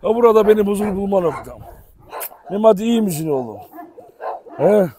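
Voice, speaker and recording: A man's voice: high voice, expressive, a little fast, dark tone. A man talking frankly and wearily to his viewers in a casual vlog, outdoors in a yard full of dogs. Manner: weary, frank, speaks straight to viewers. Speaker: vlogger and dog keeper.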